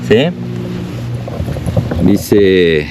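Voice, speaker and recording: A man's voice: low voice, extremely slow, background noise. Chatty Argentine man outdoors. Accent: Argentine Spanish. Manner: chatty, reads signs aloud and explains them. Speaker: travel vlogger. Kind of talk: casual walking commentary. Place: outdoors in a mountain village.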